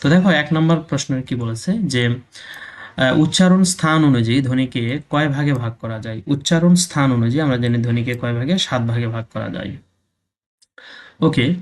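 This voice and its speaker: A man's voice: medium pitch, a little mellow. A man with a Bangladeshi Bengali accent teaching an exam-prep grammar lesson. He reads each question twice and then gives the answer.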